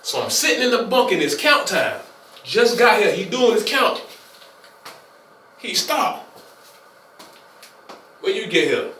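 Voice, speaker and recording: A man's voice: sits high, very animated, unhurried, pauses often, bright, forceful tone. A man chatting casually in laid-back street slang, telling his own prison story. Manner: laid-back slang, short backchannel replies. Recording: echoey room, mic at a distance, faint hiss.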